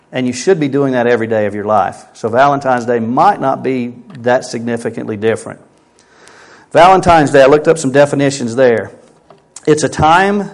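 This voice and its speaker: Pastor preaching at a pulpit microphone. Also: male voice, mid-range voice. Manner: conversational preaching full of rhetorical questions. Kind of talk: sermon.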